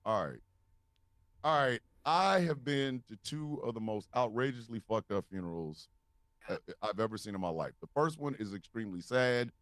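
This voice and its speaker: A man's voice: lowish voice, normal speed, dry recording. A man co-hosting a podcast, telling a wild story with lots of swearing and laughter. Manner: animated, profane, laughing storyteller. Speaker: podcast co-host. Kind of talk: casual storytelling.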